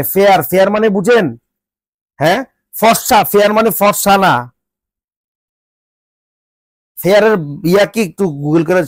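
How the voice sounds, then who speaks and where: A man's voice: high voice, no room sound, clean studio sound. A Bangladeshi man vlogger with a congested, stuffy nose from a cold, giving an exasperated, scolding rant to his viewers with repeated rhetorical questions. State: sick with a cold, voice changed.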